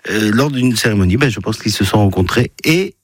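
Low-voiced, halting man in his 60s. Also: animated, dry recording. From Paris region, France. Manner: halting, restarts and repeats words often. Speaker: guest, filmmaker. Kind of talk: casual radio interview.

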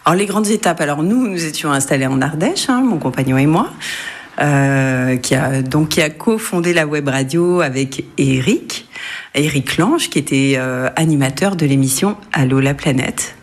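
Low-voiced woman from france, interview answers, lots of ums and restarts. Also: expressive, normal speed. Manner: hesitant, many fillers and restarts. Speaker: interviewee, web radio volunteer.

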